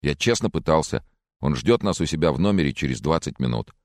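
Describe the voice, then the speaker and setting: A man voicing a nervous, excitable young male student who talks in a raised, agitated way, in an audiobook thriller. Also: very deep voice, fairly quick, no room sound, clean studio sound. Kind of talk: audiobook character reading.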